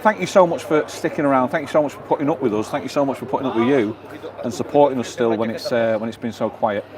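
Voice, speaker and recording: A man's voice: medium pitch, quick pace, a crowd in the background. A man hosting a casual live stream outdoors, chatting away and reading viewer comments aloud. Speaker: vlogger and live-stream host. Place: outdoors in a seaside town, then a lounge bar.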